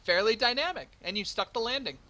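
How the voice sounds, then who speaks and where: A man's voice: extremely high pitch, lively intonation, fast, bright, forceful tone. A man running a tabletop game as game master, playful and punning, laughing often.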